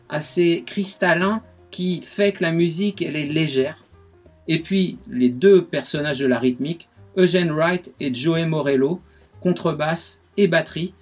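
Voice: mid-range voice, darkish tone. A radio guest explaining jazz rhythms, speaking patiently with many hesitations and counting beats aloud.

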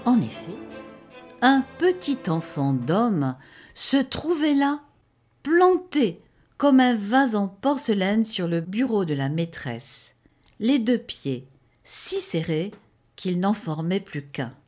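Woman reading a kids' story, slow and lively, soft music in the background. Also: medium pitch. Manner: expressive, slow and dramatic. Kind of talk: read-aloud children's story narration.

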